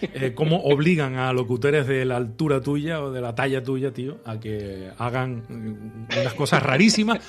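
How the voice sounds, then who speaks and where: A man's voice: mid-range voice, lively intonation, moderate pace, few pauses, soft background music. A man hosting an interview, talkative and full of hedges, laughing between remarks. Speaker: host, also an ad voice-over artist. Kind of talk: casual interview chat.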